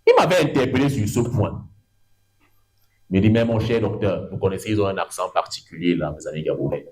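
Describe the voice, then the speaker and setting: A middle-aged lecturer with a Cameroonian French accent speaks fairly quickly in a lecture room, teaching university law. He digresses energetically, drawing out words and letting his pitch spring upward to stress points.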